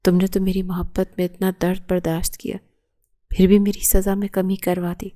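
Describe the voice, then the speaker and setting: A woman's voice: mid-range voice, little pitch movement, mellow, close to an everyday voice. Woman reading as a remorseful pleading young man.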